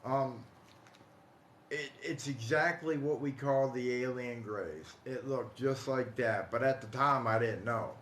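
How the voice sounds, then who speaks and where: A paranormal storytelling live-stream host from Ohio, this American man in his forties has a medium-pitched, slightly bright voice. He casually recounts personal stories to viewers, halting, conversational and repetitive. Roomy echo and light background noise are audible.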